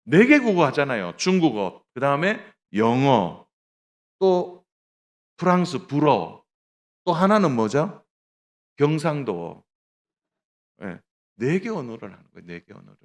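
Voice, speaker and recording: Middle-aged male pastor, sermon delivery, animated pitch, acts out the dialogue in his stories. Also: measured pace, long pauses. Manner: tells a story with acted dialogue, addresses the congregation directly.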